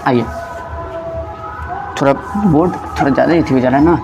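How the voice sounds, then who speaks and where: A man's voice: medium pitch, vocal fry, highs cut off, background noise. A man teaching a grammar class who asks questions and then answers them himself, stretching out words as he writes on the board. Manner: drawn-out words while writing on a board.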